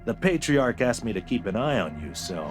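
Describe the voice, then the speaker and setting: An actor playing a friendly, slick male marshal who talks in a relaxed, joking way. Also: on the low side, normal speed. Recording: game audio with music.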